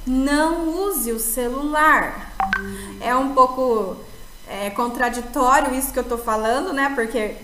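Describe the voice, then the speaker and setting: A woman teaching an English grammar lesson in Brazilian Portuguese, explaining slowly and repeating points with a checking "tá?". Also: sits high, reverberant, over music, low-quality recording. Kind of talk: recorded video lesson.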